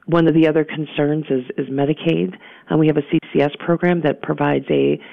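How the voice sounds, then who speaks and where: A guest from a community survivor services center answering radio interview questions earnestly, with many "um" pauses and restarts, heard over a phone line. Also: mid-range voice, little pitch movement, vocal fry, no room sound. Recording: tinny phone line, dry.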